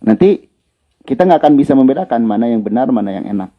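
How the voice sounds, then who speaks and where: A man's voice: medium pitch, lively intonation, quick pace. Man teaching in a dull lo-fi recording. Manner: conversational, repeats key points. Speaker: Quran recitation teacher. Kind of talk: religious lesson.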